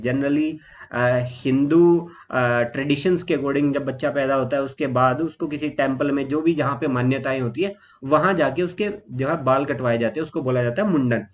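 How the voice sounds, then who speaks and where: A man with an Indian accent teaching exam vocabulary in a steady explanatory lesson, listing words and pausing on fillers. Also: on the high side, muffled recording.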